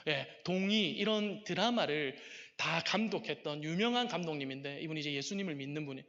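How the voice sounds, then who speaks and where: A man preaching a sermon, telling a story with lively shifts and softly acting out quoted prayers. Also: fairly high pitch, fairly quick, highs cut off. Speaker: pastor. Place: church sanctuary.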